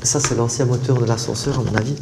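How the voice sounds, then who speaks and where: A man's voice: mid-range voice, fairly even intonation, fast talker, gravelly. Belgian man rambling in echoing tunnels. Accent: Belgian French. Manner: rambling, many fillers and slang, often hushed. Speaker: urban explorer. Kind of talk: casual vlog narration. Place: deep underground concrete tunnels. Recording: long echo in underground tunnels, faint noise.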